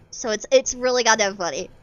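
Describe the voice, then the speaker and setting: A young woman with a squeaky, childlike voice chatting casually while streaming a game, rambling with lots of fillers and restarts. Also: clean tone, muffled recording. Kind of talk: casual chat while gaming.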